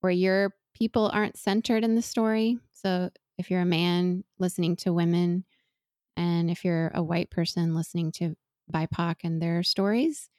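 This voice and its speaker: Raised in Venezuela and now in her forties, this interview guest reflects with earnest care and frequently starts her sentences again. She speaks at a normal pace in a lowish, slightly mellow voice with fairly even intonation. The studio sound is clean and dry.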